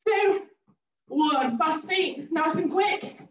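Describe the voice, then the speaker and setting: A high-voiced fitness instructor coaches a cardio workout at a measured pace, calling out encouraging cues and countdowns while breathless from exercising along. The recording is roomy, a little off-mic and slightly dull.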